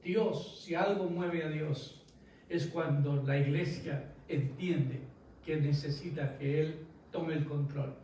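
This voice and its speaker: A man preaching from the pulpit with a fairly high voice, carried across a big echoing church sanctuary. He tells his story in a storytelling way and climbs into emphatic bursts. The mic catches him from a distance, with a faint hiss underneath. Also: fairly even intonation, slow pace, mellow. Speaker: pastor. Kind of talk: sermon. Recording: echoey church hall, from a distance.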